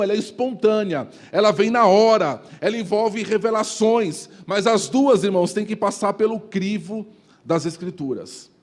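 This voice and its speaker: A man's voice: high voice, a little mellow. A pastor preaching a sermon in a teaching tone, often addressing his listeners as brothers and asking "ok?".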